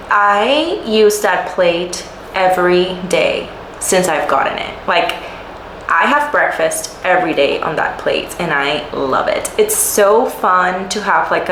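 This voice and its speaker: A young woman from Puerto Rico giving a chatty life-update vlog, animated, often laughing and full of "like" fillers. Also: lowish voice. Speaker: vlogger. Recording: roomy echo, faint room noise.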